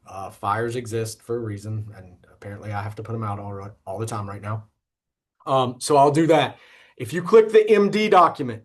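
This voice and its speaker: A man in his thirties teaching an online statistics class over a video call, checking in often with "okay?". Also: medium pitch. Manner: relaxed, repeats "okay?" to check in. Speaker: instructor. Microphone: computer mic on a video call.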